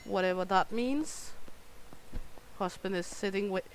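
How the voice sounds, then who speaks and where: A woman's voice: medium pitch, measured pace, a little hiss or hum, poor audio. A woman playing a cooking game, talking to herself as she works and swearing at impatient customers in a playful way. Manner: playful, talks to herself while working. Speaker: gamer playing a cooking simulation. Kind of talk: casual gameplay commentary.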